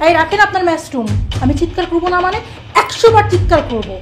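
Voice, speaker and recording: An actress playing a young woman, the poet's girlfriend, quick to anger and shouting accusations. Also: very high-pitched, lively intonation, echoey room. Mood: indignant. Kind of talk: TV comedy drama. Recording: music bed under dialogue.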